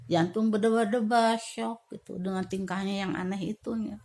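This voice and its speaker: A woman, talking in a relaxed, chatty way. She leans on fillers and stretches her words out slowly when the story turns eerie. Her voice sits at an ordinary middle pitch. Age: 50s. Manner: chatty, many fillers, drawn-out words at tense moments. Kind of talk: casual storytelling to camera.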